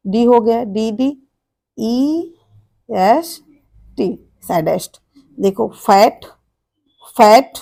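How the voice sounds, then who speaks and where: A woman teacher walks through grammar rules at an unhurried pace, spelling each word out letter by letter and saying it again. Her voice sits a little high and carries a gravelly edge. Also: mellow. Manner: slow, spells words letter by letter and repeats them. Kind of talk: board lesson, explaining step by step.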